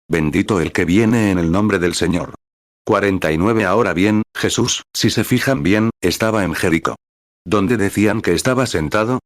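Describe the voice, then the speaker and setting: A man delivers a sermon in a very deep voice, moving between storytelling and cited scripture verses. His delivery is measured and steady. The sound is dry and close, with no room echo. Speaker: preacher. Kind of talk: sermon reading with scripture citations.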